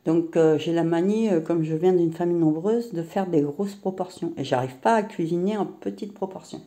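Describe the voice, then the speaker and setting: Middle-aged woman, casual vlog chatter, hesitant and rambling, very mellow tone, echoey room. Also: on the low side, moderate pace. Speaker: vlogger. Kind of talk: casual grocery haul vlog. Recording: roomy echo.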